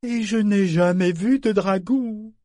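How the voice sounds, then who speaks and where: A man voicing a brooding, wary male figurehead of a living ship in an audiobook, raised in pitch and speaking with tense, evasive replies. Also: takes it slowly, a little mellow, no room sound, clean studio sound.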